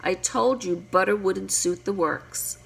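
A woman voicing a gloomy, rude male hatter who grumbles and mutters slowly. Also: mid-range voice, creaky, a little hiss or hum, rough recording. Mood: grumbling.

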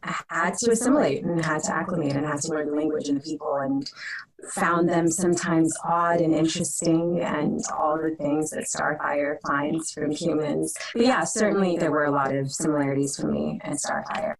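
Low-voiced woman from Senegal. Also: normal speed, distant mic, over a noisy crowd, poor audio. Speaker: actress on a panel. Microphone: wired earbuds on a video call.

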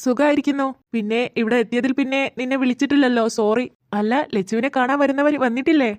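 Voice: sits high, steady tone, fast, a little mellow, no room sound, lightly acted. A performer voicing a young man in a cartoon, teasing a friend on the phone.

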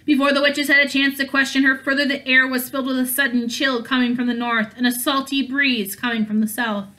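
A woman reading a fantasy novel aloud in a steady storytelling way. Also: sits high, fairly quick. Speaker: audiobook reader.

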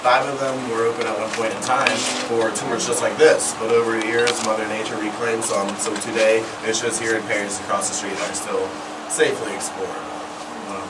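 A man's voice: lowish voice, level tone, normal speed. A young man giving a casual, wry, practised guided tour talk inside a rocky cave, with his voice echoing. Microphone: distant handheld camera mic. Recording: echoing cave, far from camera, loud noise.

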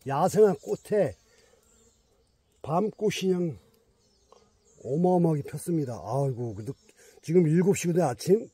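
A man's voice: a little high, lively intonation, normal speed, pauses often, mellow, breathy edge, dry recording. A middle-aged man vlogging outdoors in a mountain forest, chatting emphatically to his bees and to his viewers. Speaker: beekeeper vlogger. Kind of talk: casual outdoor vlog.

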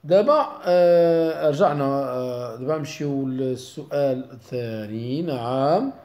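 A man's voice: medium pitch, a little slow, darkish tone. A middle-aged man with a Moroccan Arabic accent, a primary school teacher going through a worksheet, mixing dialect with formal Arabic and hesitating often. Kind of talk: explaining a worksheet.

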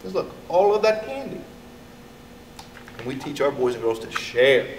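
A middle-aged American man who teaches elementary school reads a picture book aloud to his pupils, speaking expressively and directly to them. His medium-pitched voice is very animated at a moderate pace. The echoey recording has background noise and a distant mic.

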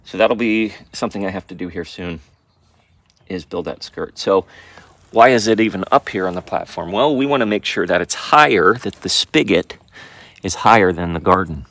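A man vlogging about his homestead project, explaining his plans in a practical, thinking-aloud way and sounding excited about it. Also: low-pitched, normal speed, no room sound. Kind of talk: casual on-camera explanation.

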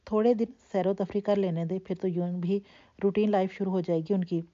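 A woman's voice: mid-range voice, steady tone, mellow, dull audio, close to an everyday voice. Woman reading as a fond, coaxing older aunt. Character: older woman, loving worried aunt-mother.

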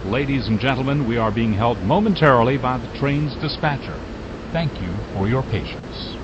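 A man delivers a formal public announcement like those at an airport. He sounds polite and scripted, at a medium pitch. Clear vehicle noise runs behind him. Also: moderate pace, muffled recording. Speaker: train announcer.

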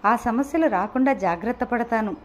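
Breezy young woman student, teasing and flippant, read by a woman narrator, light high voice, muffled lo-fi sound. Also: normal speed, slight background noise, close to an everyday voice.

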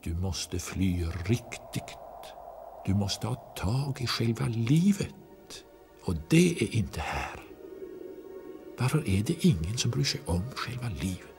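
A bewildered young man longing to break free, low and hushed, often close to a whisper, as the male reader voices him. Soft music hums beneath his lines.

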